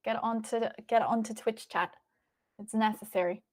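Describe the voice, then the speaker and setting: Woman, Australian accent, fairly high pitch, casual stream host, informal, thinking out loud. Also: steady tone, normal speed. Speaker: livestream host. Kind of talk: casual livestream chat, reading and answering viewer messages.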